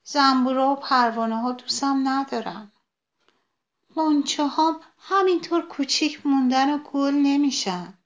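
A woman's voice: sits high, dull audio, pitched above the performer's own voice. A woman voicing a sad, lonely young sunflower who talks in a plaintive, wistful, pleading way.

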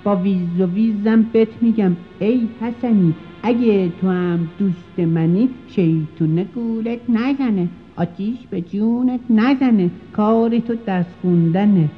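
A woman's voice: mid-range voice, few pauses, lightly acted. A proud little honeybee buzzes through her storybook song, as a woman voices her. The sound is thin and phone-like, with music behind. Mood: busy, proud. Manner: buzzing, sing-song. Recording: tinny phone-like audio with music.

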